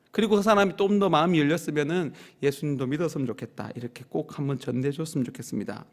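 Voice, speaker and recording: A man preaches in a church sanctuary with a high voice. He swells into loud, emphatic peaks and then drops to low, quiet asides, leading his congregation in call-and-response lines. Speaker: pastor. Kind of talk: sermon.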